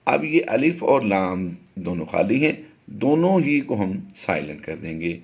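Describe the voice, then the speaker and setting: A man's voice: on the low side, very animated, dull audio. Man teaching careful Quran recitation. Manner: slow, deliberate letter-by-letter spelling, drawn-out chanted recitation of verses. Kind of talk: tajweed lesson with recited examples.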